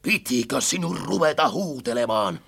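A man reading a storybook aloud and voicing a shrill, hot-tempered male mayor who screeches his orders. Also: expressive, gravelly, fairly bright tone, breathy edge, heavily acted. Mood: furious.

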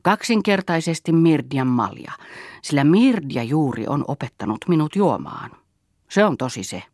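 A man's voice: fairly high pitch, sing-song, a little mellow, no echo, studio quality. A man voicing a male drinker earnestly confessing his endless thirst. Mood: rueful.

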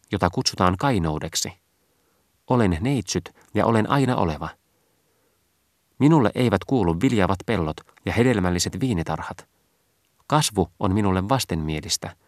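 A man's voice: lowish voice, no room sound, clean studio sound, natural voice. A man voicing Modesty, the frailest and shyest maiden figure in a storybook reading, timid. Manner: timid, fleeing. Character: Modesty, frail shy pale virgin woman.

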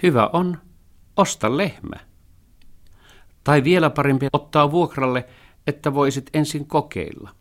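A man's voice: on the high side, pauses often, pitched above the performer's own voice, natural voice. A man voicing a cheerful, earnest young boy in a storybook reading. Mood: friendly.

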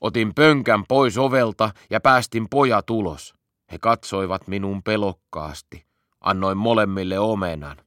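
Low-voiced man reading a storybook. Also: fairly bright tone, no room sound, studio quality. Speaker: audiobook reader. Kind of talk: storybook narration.

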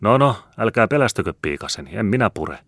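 A man voicing a boisterous bearded soldier, a sergeant who swaggers and talks loudly and heartily. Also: on the low side, very animated, dry recording, studio quality, pitched above the performer's own voice, full character voice. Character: boisterous bearded jovial soldier, male sergeant, middle-aged.

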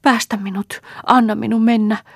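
Woman voicing a high, pleading young wife. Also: fairly even intonation, gravelly, breathy edge, dry recording, clean studio sound. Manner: pleading, breathless. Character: distraught young peasant wife.

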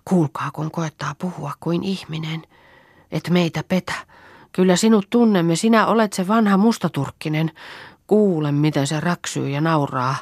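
A woman voicing a frightened farm girl lost in the forest at night, calling out loudly to urge the others on. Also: low voice, dry recording, studio quality, pitched above the performer's own voice. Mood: fearful. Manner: calls out loudly, urging the others on.

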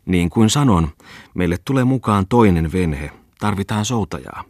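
A man voicing a sly, condescending middle-aged male merchant who speaks smoothly. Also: sits low, animated, darkish tone, dry recording, clean studio sound. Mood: curt. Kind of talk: audiobook character voice.

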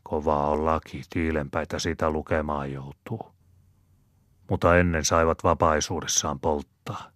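A man's voice: a bass voice, steady tone, fairly bright tone, dry recording, clean studio sound. A man doing a sly, chuckling rustic storyteller. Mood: yarn-spinning. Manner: chuckling, folksy yarn-spinning. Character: bawdy old rustic male storyteller, sly.

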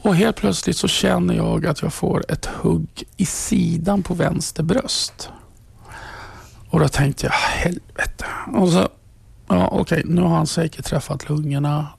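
A middle-aged man from Sweden tells his story in an interview, his voice deeply gravelly and husky. He speaks haltingly, restarting phrases and sinking into whispers. The sound is close and dry, with a fairly high pitch for a man. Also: steady tone, darkish tone, dry recording. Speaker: interviewee, trained ambulance driver. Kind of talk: personal testimony in an interview.

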